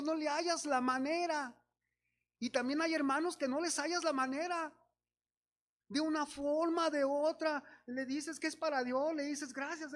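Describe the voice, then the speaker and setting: A man with a Mexican accent preaching a sermon, telling stories and acting out the voices of people in them while exhorting his congregation as brothers. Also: very high voice.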